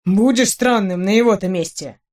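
A woman voicing a blunt young male wizard companion in a spoken storybook, talking low and brusquely. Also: normal speed, darkish tone, close to an everyday voice. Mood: calm explaining.

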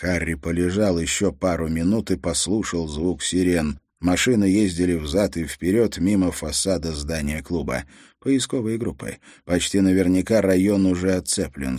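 A man reading a crime thriller audiobook as narrator, in a steady, even delivery. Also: sits low, no room sound, studio quality. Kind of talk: scripted narration.

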